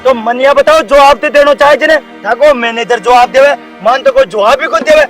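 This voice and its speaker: An actor playing a stubborn male village headman with a Rajasthani accent who pleads and shouts demands at a politician. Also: very high-pitched, brisk. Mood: complaining. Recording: background music and crowd noise.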